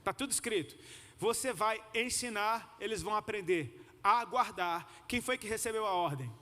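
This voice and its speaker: At normal speed, a male Brazilian preacher gives a slangy, conversational sermon in Brazilian Portuguese, his high voice bright and forceful. He tells personal anecdotes, leads the congregation in repeating phrases, and is recorded in an echoey large hall with noticeable background noise.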